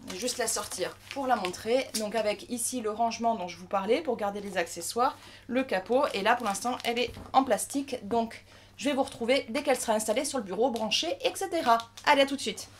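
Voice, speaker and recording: A woman from France talks her way through an unboxing in a relaxed, chatty manner, thinking aloud as she handles each piece. Her voice sits a little high for a woman. Faint clicks can be heard behind her. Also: brisk, a little hiss or hum. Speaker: crafting vlogger. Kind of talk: casual unboxing commentary.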